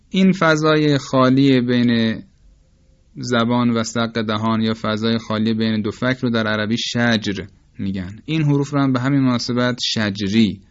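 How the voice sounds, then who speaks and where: A man at a middle pitch gives a methodical tajweed lesson, courteous and formal toward his listeners. He stops often to voice single sounds slowly and plainly. The recording is a bit muffled and lo-fi. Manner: slow, careful, demonstrates each sound aloud. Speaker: Quran recitation teacher. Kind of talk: instructional lecture on tajweed.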